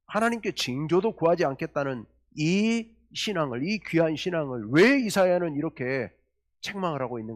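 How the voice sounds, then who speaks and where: A man delivers a sermon, his fairly high voice rising and falling widely. He puts questions to the congregation and leads them in reading aloud together. He voices quoted lines with growing intensity. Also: vocal fry. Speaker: pastor.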